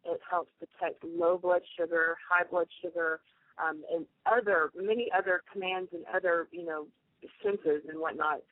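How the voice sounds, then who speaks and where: A woman from Tennessee, a singer and guest, chatting easily on the phone, laughing often and filling pauses with lots of ums. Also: fairly low pitch, steady tone, no room sound. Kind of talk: phone interview chat. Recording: tinny phone line.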